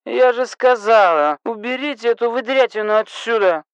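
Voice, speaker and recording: A man voicing a drunk, hiccuping woman who calls the police, shrill, bossy and slurring. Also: moderate pace, clear, resonant tone, no echo. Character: drunk, hiccuping, rude middle-aged woman caller.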